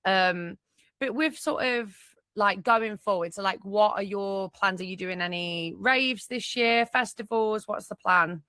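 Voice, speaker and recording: A middle-aged woman hosting a podcast, chatting in a lively, storytelling way. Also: mid-range voice, unhurried, clear, resonant tone, no room sound, clean studio sound. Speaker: podcast host. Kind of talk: casual chat.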